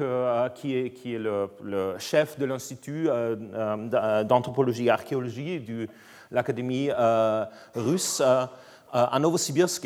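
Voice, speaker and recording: A man with a foreign accent in French, a non-native speaker giving an academic lecture haltingly, often searching for words and repeating himself. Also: medium pitch. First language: not French. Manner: halting, searching for words, frequent hesitations and repetitions. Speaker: invited academic speaker, researcher. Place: large lecture hall. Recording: reverberant lecture hall.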